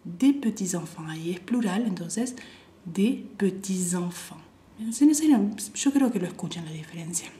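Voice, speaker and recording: A young woman giving a language lesson, repeating each example slowly and often softly. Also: medium pitch, expressive. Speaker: French teacher.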